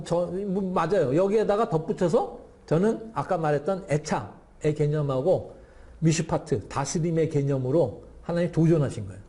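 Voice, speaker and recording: Male lecturer, lively and blunt, mellow voice pitched a bit high, acts out lines as he teaches. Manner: animated, acts out divine speech in blunt casual Korean; frequent restarts and repeated words. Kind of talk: Bible lecture.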